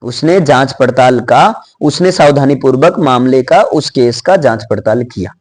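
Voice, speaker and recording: A man teaching English grammar in a casual classroom manner, mixing Hindi with English, asking and answering his own questions, and reading the example sentences slowly. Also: mid-range voice, darkish tone, breathy edge. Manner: mixes Hindi with English terms.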